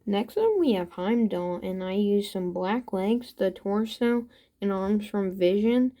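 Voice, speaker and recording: Unhurried mellow-voiced woman. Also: mid-range voice. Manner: relaxed, unsure, hedging asides. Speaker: toy-building channel host. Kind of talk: casual show-and-tell walkthrough.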